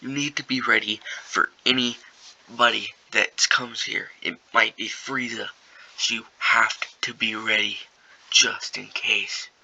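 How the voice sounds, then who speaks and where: A man voicing a stern, commanding alien king who gives slow, firm orders. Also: fairly low pitch, fairly even intonation, creaky, pushed and bright, husky, heavily acted, poor audio.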